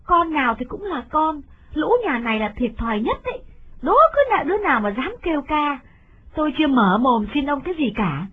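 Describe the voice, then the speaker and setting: A woman's voice: sits high, lively intonation, fairly quick. A woman voicing a jealous nagging wife in her forties. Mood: complaining. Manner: whiny, complaining, insistent. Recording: tinny phone-like sound, faint music.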